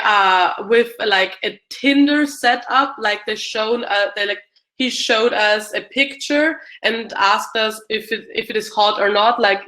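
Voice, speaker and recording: Slow, bright-voiced Austrian woman. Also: mid-range voice. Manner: hesitant, many fillers and restarts. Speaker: speaker answering audience questions. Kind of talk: casual Q&A talk. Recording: echoey room.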